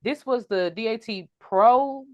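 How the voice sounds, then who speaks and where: A woman giving an online trucking business workshop, lively and preacher-like, calling out to her audience for an amen. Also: fairly high pitch, measured pace, no echo, highs cut off. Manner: energetic, preacher-like call and response.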